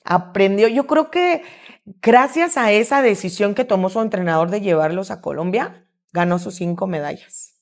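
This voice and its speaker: Woman, interview guest, chatty and animated, voices her own quotes. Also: medium pitch, normal speed. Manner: lively, quotes herself and her son. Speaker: guest, gymnastics coach and sports mom. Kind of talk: casual interview storytelling.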